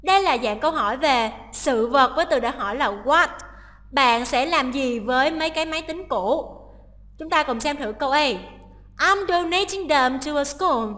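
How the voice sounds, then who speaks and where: A woman teacher works through a listening test in a large hall, reading each English line aloud, translating it and explaining every option. Her voice sits high and has a fairly bright tone.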